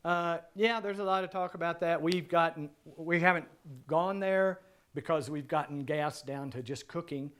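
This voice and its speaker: A man presenting a seminar, answering audience questions in a relaxed, joking, rambling way, his voice going hoarse. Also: a little high, normal speed. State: losing his voice. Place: seminar room.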